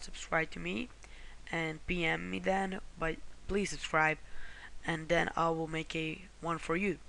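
A Croatian man hosts a screen-recorded how-to walkthrough, rambling along and frequently correcting himself and apologizing. His voice sits on the high side and is creaky with a sharp tone, and a faint hiss or hum runs under the recording.

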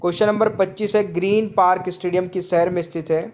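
Over quiz slides, a fast-talking man with a high, steady, somewhat dark voice reads each general-knowledge question twice and then gives the answer, speaking to viewers as friends. A slight hiss or hum is audible.

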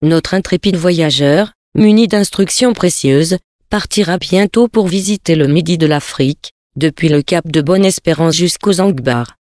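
A reader narrating a classic tale in a measured, steady way. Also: medium pitch, dry recording, studio quality. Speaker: audiobook reader.

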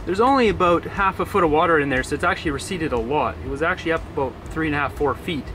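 A man's voice: fairly high pitch, fast talker, a bit bright, a little hiss or hum. A young man casually explaining a home repair in a loose vlog, with many fillers and restarts, filmed on a handheld camera at arm's length in a house basement. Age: young adult. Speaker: DIY home repair vlogger. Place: house basement and outdoor stairwell.

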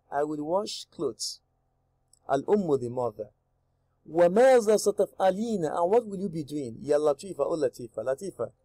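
Slow, deliberate man teaching Arabic. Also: mid-range voice, mellow, no room sound. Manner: reads each line in Arabic then gives the English, slow and deliberate. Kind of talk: language lesson, reading dialogues and translating.

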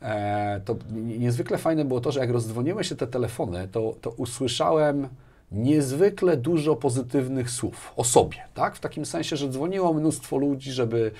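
Speaking at a moderate pace with lively intonation, this man's warm, mid-range voice fills a casual interview where he's the guest, a technology executive. He repeats words frequently and tacks checking questions onto his phrases. A lapel microphone picks him up in a small, furnished indoor studio with padded panels on the walls.

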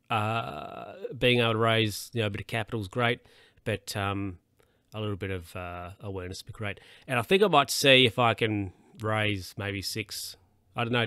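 A man's voice: on the low side, a bit bright, no room sound, clean studio sound. An Australian man hosting his own podcast, rambling casually with lots of fillers and restarts, a little tired. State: yawning, a bit tired. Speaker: podcast host. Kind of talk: casual solo podcast monologue.

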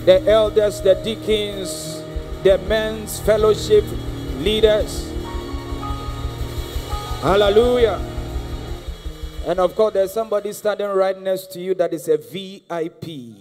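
A man in his thirties with a Ghanaian accent preaches as a guest prophet on stage in a large church hall, holding a handheld mic. His high voice stays fairly even, slow and full of pauses, as he exhorts the crowd and repeats lines for them to answer. The live recording has long reverb and music.

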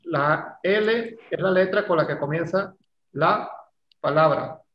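A man's voice: a little high, slow. A man teaching an English class, explaining step by step and teasing his students. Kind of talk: online class lecture. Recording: echoey room, dull lo-fi sound, faint noise.

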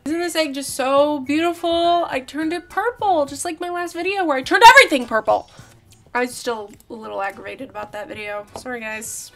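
A playful young woman talks her way through a game in a comedic commentary, her voice sitting a little high. She swings from chatty asides to sudden loud shouts. Faint music plays underneath her close mic. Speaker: YouTuber. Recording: light background music.

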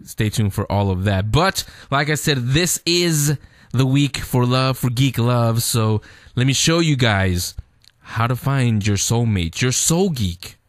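Male host: mid-pitched, animated intonation, conversational address to listeners, casual radio style. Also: measured pace, dry recording, studio quality. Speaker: show host. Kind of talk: casual radio show hosting.

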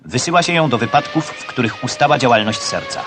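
Man, old newsreel narrator, formal measured delivery, mid-pitched voice, loud music underneath. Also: expressive. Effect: old newsreel soundtrack.

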